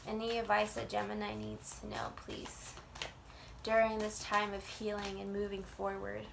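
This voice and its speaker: A woman's voice: mid-range voice, completely flat delivery, moderate pace, gravelly, noisy background. A woman reading tarot in an informal, chatty way, with blunt, colloquial phrasing and frequent swearing. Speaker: tarot reader.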